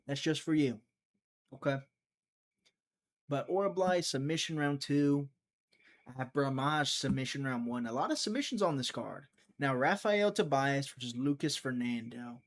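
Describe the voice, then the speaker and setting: With a medium-pitched, animated voice at moderate pace, a man runs a live prediction stream, chatting easily with his audience, thinking things through out loud and sometimes trailing off under his breath.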